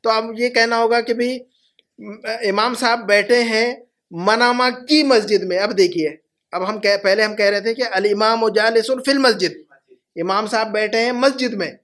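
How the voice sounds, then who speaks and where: High-pitched middle-aged guy teaching a class, slow and patient, says stuff twice. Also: a bit bright. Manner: patient, repeats each phrase slowly. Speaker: Arabic teacher. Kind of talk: classroom lesson.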